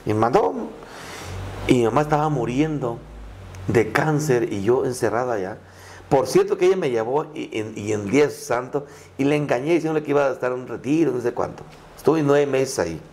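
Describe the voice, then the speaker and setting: A man's voice: mid-range voice, brisk, darkish tone. A middle-aged male priest speaking earnestly in a conversational interview, telling his story with frequent restarts. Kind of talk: conversational podcast testimony.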